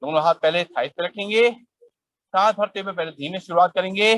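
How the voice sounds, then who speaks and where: Bright high-voiced yoga instructor counting breaths. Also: male voice, brisk, no room sound, rough recording. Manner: calm instructive, counts breaths aloud rhythmically. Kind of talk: guided yoga class with counting. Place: outdoors.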